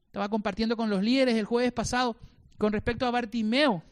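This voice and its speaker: A man's voice: very high voice, steady tone, a little fast, smooth. A male pastor, preaching a sermon with rhetorical questions and acted-out voices.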